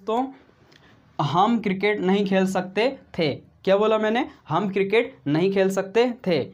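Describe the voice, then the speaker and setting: A man teaching a video grammar lesson who speaks slowly and deliberately, addresses viewers as friends, repeats each example and keeps adding a "right?" tag. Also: high-pitched. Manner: slow and deliberate, says he explains step by step.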